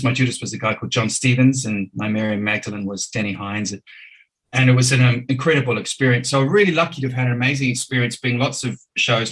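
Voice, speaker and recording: A man's voice: medium pitch, a bit bright, low-quality recording. A man, a podcast guest telling his story in a chatty, enthusiastic way with plenty of ums. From New Zealand. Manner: chatty, enthusiastic, filler-laden. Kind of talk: casual interview storytelling.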